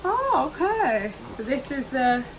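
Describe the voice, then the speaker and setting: A nail vlogger with hay fever unboxes nail products at home, chatting casually and gushing as she goes. Her high, sing-song voice moves slowly, captured by a camera mic while she stays off camera, with slight background noise.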